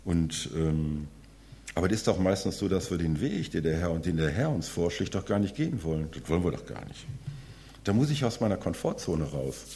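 A man with a deep, low voice preaches in a church, talking casually rather than formally. He keeps turning to his listeners with little questions as he goes. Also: lively intonation, fairly quick, dark tone, slight background noise. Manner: conversational, frequent tag questions. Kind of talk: sermon.

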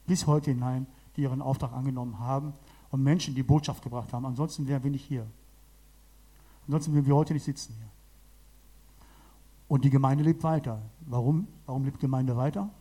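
A man preaching a sermon to a small congregation in a church hall, lively and emphatic, repeating phrases for effect. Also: medium pitch, brisk, slightly rough. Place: church hall with about forty people.

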